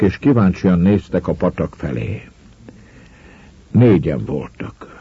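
A man reading a story aloud with expressive, dramatic narration. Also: deep voice, breathy edge, no room sound. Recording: muffled lo-fi recording.

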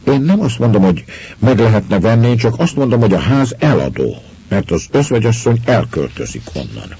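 A man reading aloud as a surly lame outlaw who talks gruff and defensive. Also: fairly low pitch, sing-song, dark tone, dry recording, highs cut off, pitched above the performer's own voice, heavily acted.

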